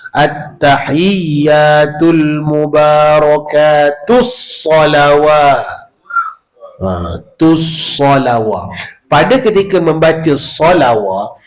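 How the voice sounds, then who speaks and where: Man, Malaysian Malay accent, religious teacher, slow unhurried delivery, drawn-out chanted Arabic phrases. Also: fairly high pitch, poor audio. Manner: drawls Arabic phrases slowly, stressing each sound. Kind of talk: mosque lecture teaching prayer recitation. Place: village prayer hall.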